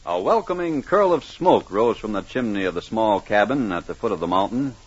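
A man's voice: lowish voice, animated, fairly quick, dry recording. A man reading scripted narration for an old radio adventure story. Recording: dull, clearly noisy old radio recording.

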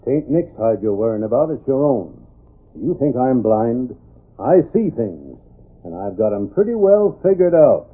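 An actor playing a blunt, gruff frontier sheriff past his prime with an American Western drawl, in an old radio drama. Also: mid-range voice, big pitch swings, a little slow. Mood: gruff suspicion. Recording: muffled, tinny old radio broadcast.

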